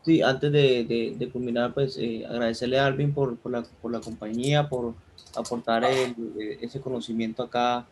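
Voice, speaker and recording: Flat-voiced man co-hosting a livestream. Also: medium pitch, normal speed, background noise. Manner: hesitant, many fillers. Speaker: co-host of a community livestream. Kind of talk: livestream co-hosting, thanking the speaker.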